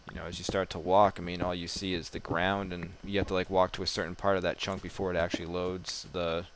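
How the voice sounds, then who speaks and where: A man's voice: low voice, little pitch movement, quick pace. A man giving casual, rambling gameplay commentary, self-deprecating and swearing now and then. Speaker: gamer. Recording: noisy home mic recording.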